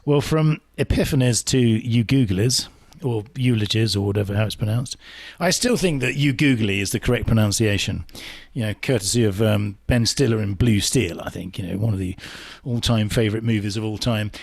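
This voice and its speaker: A man's voice: lowish voice, normal speed, vocal fry. Playful male podcast host. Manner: chatty and playful, jokes, laughs often. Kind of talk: casual interview, rapid-fire questions.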